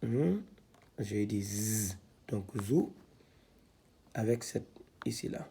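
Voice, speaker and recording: A man teaching Quran reading, spelling out syllables one by one, halting and repeating himself with many fillers. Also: on the low side, expressive, gravelly, dark tone, a little hiss or hum. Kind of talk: step-by-step lesson, spelling out syllables.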